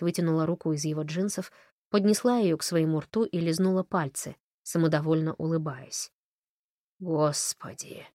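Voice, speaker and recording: A woman narrating an audiobook in an even, measured storytelling manner. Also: fairly low pitch, dry recording, studio quality. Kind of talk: scripted narration.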